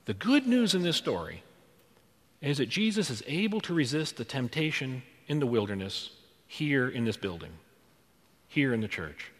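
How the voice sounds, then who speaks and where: A man's voice: medium pitch, big pitch swings, moderate pace, in a large hall. A man preaching a sermon in a church, dramatic, with rhetorical questions and repeated phrases.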